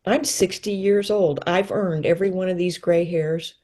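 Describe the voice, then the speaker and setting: A woman in her sixties, a guest in a casual interview, telling stories and acting out quoted lines with big jumps in her voice. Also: moderate pace. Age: 60s. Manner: lively storyteller, acts out quotes with pitch leaps.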